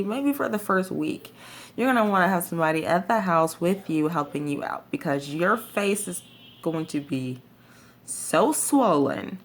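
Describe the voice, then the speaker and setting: A woman talking casually to viewers in a vlog, giving advice in an informal, emphatic way. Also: lowish voice. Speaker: vlogger sharing jaw surgery recovery tips.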